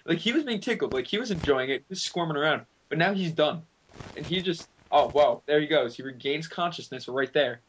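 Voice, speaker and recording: A man's voice: on the high side, a little fast, slight background noise, poor audio. A young man co-hosting a casual podcast chat, telling a story in a rambling, giggly way. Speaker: podcast co-host.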